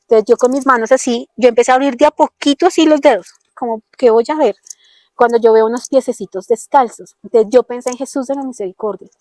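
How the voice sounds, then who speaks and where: A woman's voice: on the high side, fast talker, warm tone, dry recording. A woman with a Colombian accent giving an earnest personal testimony, often acting out the dialogue she quotes. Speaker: interviewee telling her testimony.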